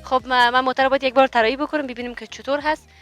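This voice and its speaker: A young woman with an Afghan accent talks in a very bright, forward voice. She chats and haggles casually, as a buyer would in a relaxed deal. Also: high-pitched, soft background music. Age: young adult. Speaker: journalist and car buyer. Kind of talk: casual conversation, bargaining.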